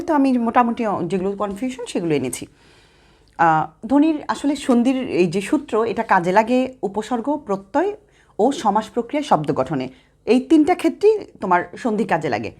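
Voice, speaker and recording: A woman's voice: on the high side, darkish tone. Young bangladeshi woman teaching grammar for exams, spells out sounds, keeps asking ok?. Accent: Bangladeshi Bengali. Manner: explains step by step, repeats sounds aloud with frequent check-ins. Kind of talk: exam-prep grammar lesson.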